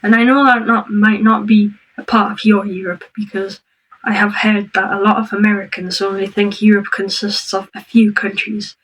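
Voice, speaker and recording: A woman hosting a reaction video who comments on a played clip, hesitant and full of ums, explaining things slowly and carefully. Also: medium pitch, little pitch movement, breathy edge, distant mic, low-quality recording.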